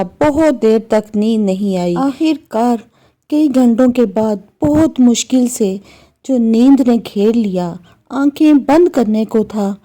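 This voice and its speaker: Mellow-voiced woman telling a moral story. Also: a little high. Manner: earnest, emotive storytelling with acted dialogue.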